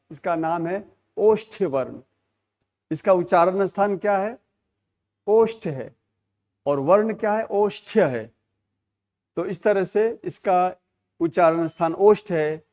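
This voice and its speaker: A man's voice: on the high side, darkish tone. A middle-aged man teaching a Hindi grammar class, explaining points and repeating key terms as questions and answers. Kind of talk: classroom lecture.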